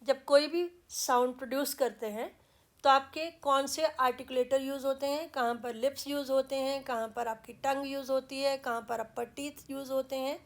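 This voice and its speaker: A woman's voice: sits high, fairly even intonation, moderate pace. A woman from India with an Indian English accent, teaching English pronunciation patiently and repeating example words with care.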